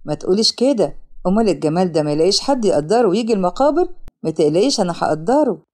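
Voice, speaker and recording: Storybook villain: woman voicing a low, gravelly-soft Egyptian thug, menacing and sly. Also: animated, very fast. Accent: Egyptian Arabic. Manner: sleazy, threatening, mocking sweet talk. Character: menacing young male thug with a knife. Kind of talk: storybook narration with voices.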